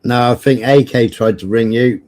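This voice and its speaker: A British man with an average-pitched voice talks casually. He is blunt, swears often and likes to tease as he chats. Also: moderate pace, a little mellow. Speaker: live stream panellist. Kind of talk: casual chat.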